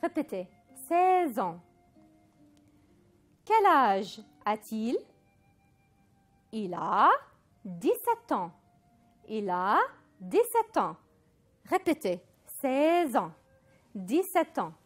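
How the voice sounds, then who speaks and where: A woman French teacher gives a recorded language lesson, speaking slowly and very deliberately with a lively pitch as she models phrases for repetition and mixes in Arabic. Faint music plays behind her.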